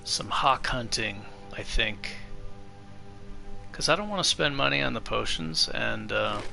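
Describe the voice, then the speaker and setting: A man doing casual solo game commentary, thinking out loud as he plays. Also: medium pitch, lively intonation, unhurried, vocal fry, soft background music. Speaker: gaming streamer.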